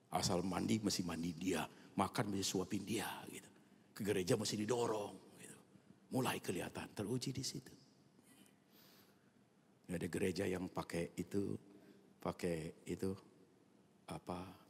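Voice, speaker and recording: A male pastor preaching a sermon at an evening church prayer service. He talks colloquially, turns often to the congregation, and swings between loud outbursts and hushed near-whispers. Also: low-pitched, vocal fry, slight background noise. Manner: colloquial, with frequent asides to the congregation.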